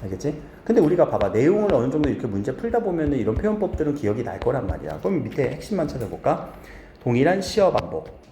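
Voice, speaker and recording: A man's voice: medium pitch, very animated, fast talker, noisy background. A man teaching a poetry lesson to a small class, often asking his students questions. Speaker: Korean literature teacher. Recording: roomy classroom echo.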